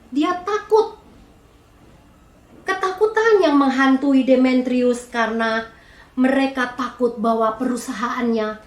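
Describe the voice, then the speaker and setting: Slow high-voiced woman preacher. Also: reverberant. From Indonesia. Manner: slow storytelling sermon, rising emphasis on key words. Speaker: church elder preaching. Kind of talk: sermon to a women's fellowship.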